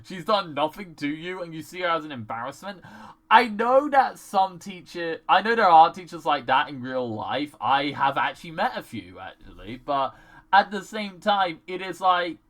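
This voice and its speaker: Bright, animated reviewer ranting. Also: medium pitch, moderate pace. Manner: ranting, exasperated, swears often; many "like" fillers. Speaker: movie reviewer. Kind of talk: casual vlog review.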